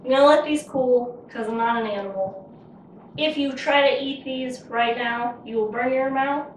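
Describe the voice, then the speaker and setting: In her echoey kitchen, with the mic set far off and a little hiss or hum, a woman hosts a casual home cooking show. She chats, jokes and talks with her mouth full while tasting her food, in a high voice at normal speed.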